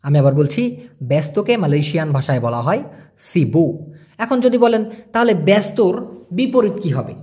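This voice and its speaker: High-voiced man teaching words patiently. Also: big pitch swings, a little mellow. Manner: explains patiently, repeats words slowly, asks "clear?". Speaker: language teacher. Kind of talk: casual spoken language lesson.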